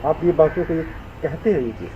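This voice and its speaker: A man's voice: fairly high pitch, quick pace, breathy edge, highs cut off. A man with a Jammu Hindi accent interviewing a guest, probing with questions and slipping into English phrases. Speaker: news interviewer.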